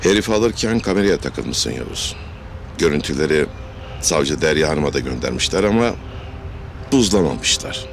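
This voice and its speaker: A man's voice: extremely low pitch, lively intonation, moderate pace, gravelly, a little hiss or hum, exaggerated voice. An actor playing a stern male commander giving terse orders. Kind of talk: television drama acting.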